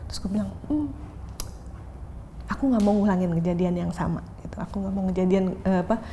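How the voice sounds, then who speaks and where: A woman, giving a candid, reflective interview testimony. She switches into English phrases mid-sentence, and her voice sits at an everyday middle pitch with a faint hiss behind it. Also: steady tone, fast talker, warm tone. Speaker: pastor and interview guest.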